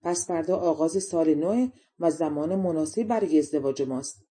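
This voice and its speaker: A woman's voice: deep voice, warm tone, close to an everyday voice. A woman voicing a young male soldier who speaks bluntly and mocks himself, in a storybook reading. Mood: insistent. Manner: blunt, self-mocking. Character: young soldier-king, bold and plain-spoken.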